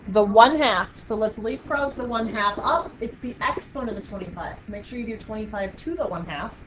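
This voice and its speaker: A woman with a slightly high, fairly bright voice lectures a math class at normal speed. Her style is upbeat and playful, and she encourages her students along the way. The recording, made in the classroom, is muffled and carries faint noise.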